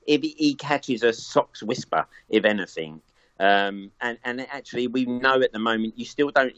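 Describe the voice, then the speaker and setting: Deep-voiced man talking football, lo-fi. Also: a bit bright, no echo. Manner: thoughtful, many fillers and restarts. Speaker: football pundit. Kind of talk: casual football chat. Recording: dull lo-fi audio.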